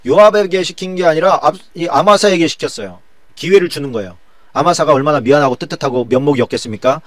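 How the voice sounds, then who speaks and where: A man's voice: on the high side, fast, no room sound. A male pastor teaching a Bible study lecture in a colloquial way, full of rhetorical questions.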